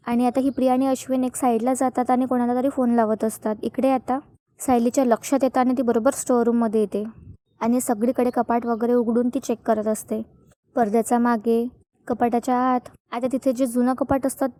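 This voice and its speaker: A woman narrating a recap of a TV serial episode, linking the scenes in a steady storytelling manner. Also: fairly high pitch. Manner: steady storytelling with frequent "now" links.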